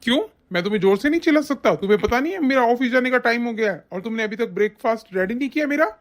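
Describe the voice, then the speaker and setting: Woman playing a bossy angry young husband, kinda high voice, barking orders in a cartoon. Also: lively intonation, rapid-fire, natural voice. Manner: harsh, scolding, commanding. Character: young husband, hot-tempered son. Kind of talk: animated story voice acting.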